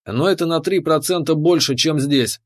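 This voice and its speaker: A man voicing a calm, matter-of-fact male navigator. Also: on the high side, moderate pace, close to an everyday voice. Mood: flat.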